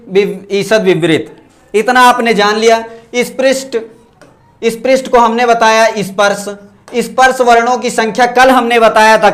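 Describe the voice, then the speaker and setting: A man teaching an online Sanskrit lesson, sounding out letters one by one and asking and answering his own questions. He also reads viewers' comments aloud and thanks them. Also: very high voice. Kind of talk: online exam-prep lesson.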